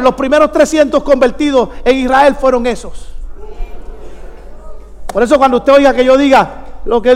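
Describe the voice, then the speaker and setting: A male pastor preaching a fervent sermon, rising into emphatic shouts. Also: very high voice. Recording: echoey hall reverb.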